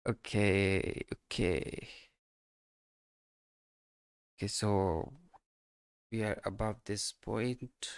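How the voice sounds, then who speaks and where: Slow, muttering man trading live. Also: lowish voice, clear, resonant tone, no room sound, studio quality. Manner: mutters and trails off, exclaiming at price moves. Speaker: live stream day trader. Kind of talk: casual live commentary.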